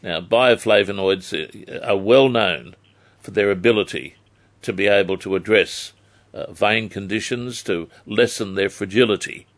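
An Australian man giving health advice on a live phone-in, measured and formally worded. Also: lowish voice, fairly bright tone. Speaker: health advice expert on radio.

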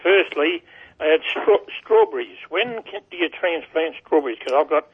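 A man's voice: a little high, expressive, moderate pace, a little hiss or hum. A man calling in to a radio show over a phone line, asking plainspoken, casual gardening questions. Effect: caller heard over a phone line. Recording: tinny telephone line.

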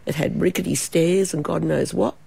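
A woman with an Australian accent, hoarse and croaky from a cold and sore throat, chatting as a travel expert in a radio interview. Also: lowish voice, fairly even intonation, moderate pace, warm tone, no echo. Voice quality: croaky, husky.

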